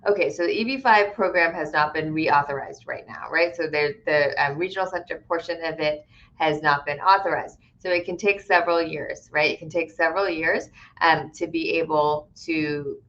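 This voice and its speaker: A woman's voice: low voice, normal speed, fairly bright tone, muffled recording. A woman immigration attorney answering viewer questions on a live stream in a conversational, explanatory way, with frequent "right?" tags and filler words. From Connecticut, USA.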